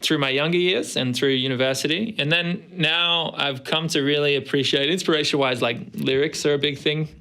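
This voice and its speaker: Easygoing musician, bright clear voice. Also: male voice, fairly high pitch, fairly even intonation, moderate pace, few pauses. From Australia. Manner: easygoing, rambling with many fillers. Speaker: performing musician guest. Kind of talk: casual chat.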